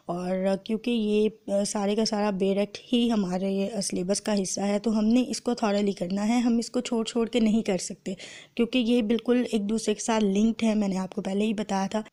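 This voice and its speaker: With a Pakistani accent and a sore throat, a woman law lecturer speaks at a middle pitch in a mellow tone. She explains methodically, translating phrase by phrase as if coaching students for a test, and slips English terms into her teaching.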